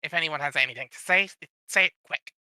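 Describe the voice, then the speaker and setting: A man's voice: on the high side, quick pace, bright, forceful tone, clear, resonant tone, dry recording, studio quality. A man casually bantering and reading a script aloud as he leads a group session. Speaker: session leader and narrator.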